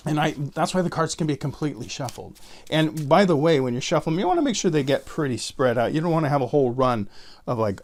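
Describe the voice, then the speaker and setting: A man with a mid-pitched voice delivers card magician patter in a casual, conversational way. He explains like a tutor and speaks directly to the listener, as if guiding spectators through a trick. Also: darkish tone. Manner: conversational, addresses viewers and imagined spectators directly.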